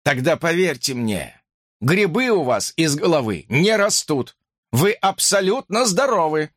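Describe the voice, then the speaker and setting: A man reading an audiobook, voicing a calm scientist who speaks in a measured, reassuring, firm way. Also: fairly high pitch, no room sound, studio quality, exaggerated voice. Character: calm, firm male scientist running an experiment. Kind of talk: audiobook character voice.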